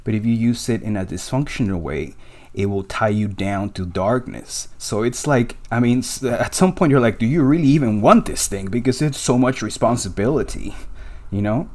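A man who is a podcast guest, telling a spiritual story in casual conversation, animated and emotional, with many fillers and some swearing. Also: fairly low pitch, moderate pace.

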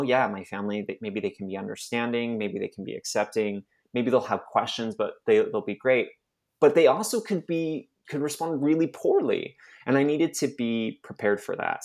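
A nonprofit worker from Arizona, a young adult man, relates his story to an interviewer in a lowish, gravelly voice. He falters with feeling and begins sentences over many times.

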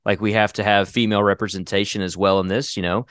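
A man's voice: on the low side, level tone, quick pace, fairly bright tone, no room sound, studio quality. A man hosting his own podcast, chatting casually, rambling with lots of fillers and restarts. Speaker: podcast host and writer. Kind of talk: casual chat.

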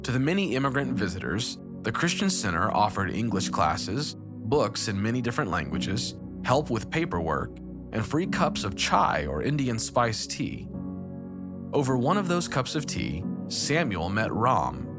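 A man narrating a scripted devotional story in a measured storytelling manner, recorded as a studio voice-over. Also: medium pitch. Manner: measured storytelling with lively intonation. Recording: narration over clear background music.

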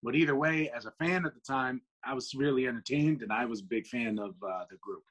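A man's voice: medium pitch, a little fast, fairly bright tone. A man in his mid thirties, a host chatting enthusiastically and agreeably with his guest. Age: 30s. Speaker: podcast host. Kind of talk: casual interview chat.

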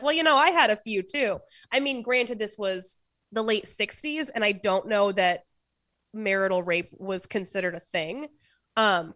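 Woman, mid pitch, casual podcast co-host, dry asides, dry close recording. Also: fairly bright tone, no room sound. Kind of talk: casual movie discussion.

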